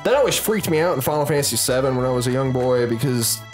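A man with a lively, swooping delivery gives casual game commentary. He swears freely, and music plays clearly behind him. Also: medium pitch, quick pace. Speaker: let's play co-commentator.

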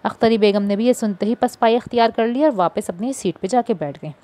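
A woman's voice: brisk, mellow. A woman narrating a novel as an audiobook, lifting her voice for the characters' dialogue. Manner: shifts into higher, livelier voices for characters' dialogue. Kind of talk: reading a novel aloud, voicing characters.

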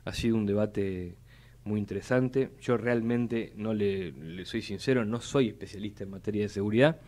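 A young city legislator with a Buenos Aires Spanish accent gives measured policy talk in a live radio studio interview, into a studio mic on a boom arm. His voice is on the low side, darkish, at a moderate pace, and he speaks formally, often repeating words across long arguments.

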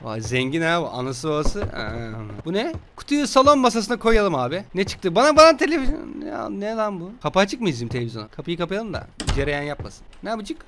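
A young man giving joking, casual let's-play commentary, scolding and teasing a game baby with rough slang. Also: high-pitched, big pitch swings, a little fast, hardly any pauses, fairly bright tone, a little hiss or hum. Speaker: gaming streamer.

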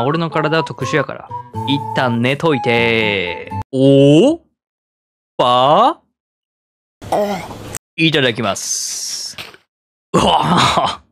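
A man with a Kansai accent giving excitable let's-play commentary, talking to himself with sudden exclamations. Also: mid-range voice. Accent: Kansai Japanese. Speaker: gaming channel host.

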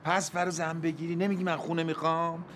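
A middle-aged actor playing a pushy, sweet-talking landlord in a TV drama. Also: male voice, a little high, level tone, natural voice. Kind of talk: TV drama acting. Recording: noisy background.

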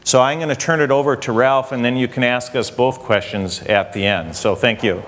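In a reverberant conference hall, a young male engineer walks around a hotel meeting room presenting a research study. He speaks at medium pitch and normal speed, and the recording is very noisy.

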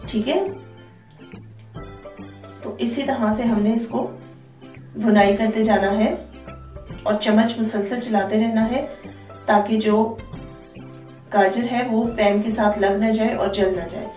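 A woman running a cooking channel speaks slowly with long pauses, her high-ish voice fairly even in intonation and darkish in tone. She gives chatty, friendly step-by-step directions, frequently adding "theek hai ji." The voice-over is echoey and distant over faint music.

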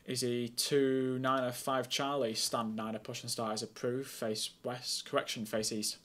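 A man's voice: medium pitch, a little slow. Chatty man controlling air traffic. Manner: chatty and excitable between calm radio instructions. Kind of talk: casual streaming chat and radio calls.

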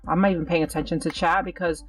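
A woman's voice: lowish voice, steady tone, quick pace, recorded from a distance, soft background music. A woman hosting her gaming channel, giving live gameplay commentary with nervous, self-coaching chatter.

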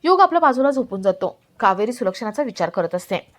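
A woman narrating a television serial episode recap in a steady storytelling manner. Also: a little high, fast.

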